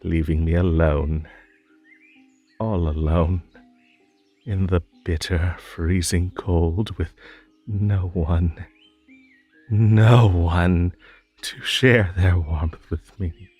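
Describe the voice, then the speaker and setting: Man voicing slow, theatrical, possessive Ether Bunny. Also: deep voice, fairly even intonation, a little mellow, husky, soft background music, exaggerated voice. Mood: lonely, wistful. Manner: theatrical, coaxing, stammering, nervous giggling. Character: the Ether Bunny, possessive, whimsical, lonely male magical rabbit host. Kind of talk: roleplay audio drama monologue.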